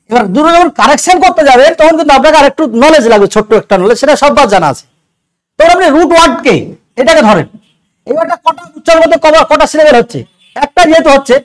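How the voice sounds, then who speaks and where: A man teaching English grammar in an exam doubt-clearing lecture, explaining step by step and asking his students questions along the way. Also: very high voice, low-quality recording.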